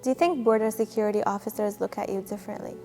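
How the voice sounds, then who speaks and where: A woman's voice: medium pitch, steady tone, racing, mellow, faint music behind. A woman interviewer asking short, direct questions. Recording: reverberant room.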